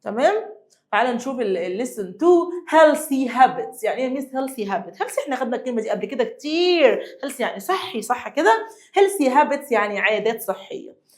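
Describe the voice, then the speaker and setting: A young Egyptian woman with a high voice teaches an English lesson to children. She is lively and coaxing and repeats each new word slowly for her pupils. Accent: Egyptian Arabic. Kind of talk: classroom lesson explaining vocabulary.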